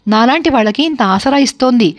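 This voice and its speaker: A woman's voice: on the high side, animated, brisk, natural voice. A woman voicing a simple, kindly older village woman who chatters innocently, in a spoken story. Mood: chattering.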